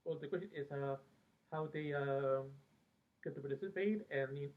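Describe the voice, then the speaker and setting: A fan vlogger originally from Peru, who later moved to America, casually recalls a TV show in a fairly high voice. He speaks very hesitantly, breaking off often mid-sentence, and the sound is thin like a phone line.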